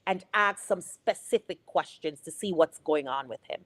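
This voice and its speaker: A woman's voice: sits low, moderate pace, dry recording. A woman attorney advising callers on a live show, methodical and asking clarifying questions. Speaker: immigration attorney guest.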